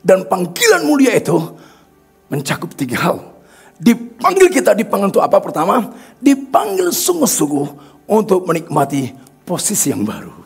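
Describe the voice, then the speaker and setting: Lively gravelly-voiced man preaching. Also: high voice, normal speed, faint music behind. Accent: Indonesian. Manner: lively preaching with sudden loud rises and jokes to the congregation. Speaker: pastor. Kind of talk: sermon. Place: church hall.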